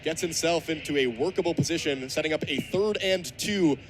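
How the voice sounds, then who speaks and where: A young American man in his twenties, with a slightly high voice and a slightly quick pace, gives live radio play-by-play for a football game. He's in an outdoor college stadium, and background noise from the venue comes through the recording.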